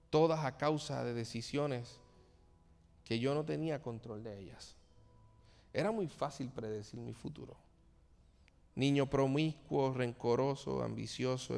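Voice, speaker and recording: Cuban-born man preaching, gravelly voice. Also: mid-range voice, darkish tone, big-room sound. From Cuba. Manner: earnest, addresses listeners directly. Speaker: pastor. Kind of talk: sermon.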